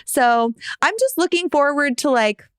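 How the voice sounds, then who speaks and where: A woman's voice: high-pitched, measured pace, dry recording, studio quality. A young woman from the United States co-hosting a podcast, chatting in a bubbly, gushing way with lots of fillers. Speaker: podcast co-host. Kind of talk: casual chat.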